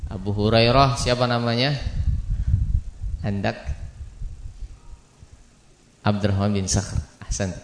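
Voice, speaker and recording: A man's voice: lowish voice, fairly even intonation, a little hiss or hum. Indonesian man teaching in an echoey hall. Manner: quizzing students, spelling out names slowly. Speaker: teacher of a religious study class. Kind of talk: classroom lesson with questions to students. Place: study hall.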